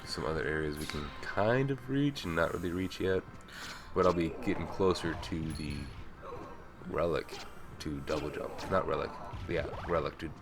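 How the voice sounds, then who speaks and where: Man, very low pitch, laid-back rambling game commentary, swears casually. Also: moderate pace. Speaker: host playing the game. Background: game music.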